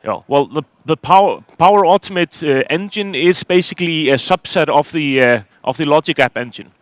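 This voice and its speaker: A man's voice: fairly high pitch, a little fast, clear, resonant tone, dry recording. Man giving a conference talk. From Iceland. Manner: hesitant, many fillers and restarts. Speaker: conference speaker. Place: conference hall stage.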